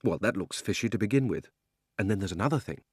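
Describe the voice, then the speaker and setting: A man voicing a miserable, grubby young boy who is loud and aggrieved one moment and hushed and secretive the next. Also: on the low side, lively intonation, quick pace, breathy edge, dry recording, studio quality. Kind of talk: storybook character voice.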